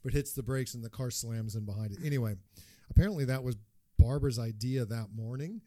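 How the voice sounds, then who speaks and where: A man co-hosting a podcast, telling film trivia in a relaxed, chatty way. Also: medium pitch, a little fast, dry recording. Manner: relaxed storyteller, shares trivia. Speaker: podcast co-host. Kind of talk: casual film discussion.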